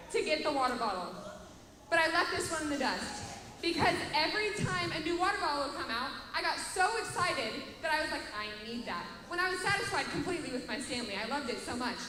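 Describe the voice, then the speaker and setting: A woman's voice: high-pitched, bright, forceful tone, slight background noise. A young woman on youth staff giving a chatty, upbeat talk to a room of middle schoolers, speaking straight to the kids. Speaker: youth pastor. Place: large hall with students. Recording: echoey hall, crowd of kids.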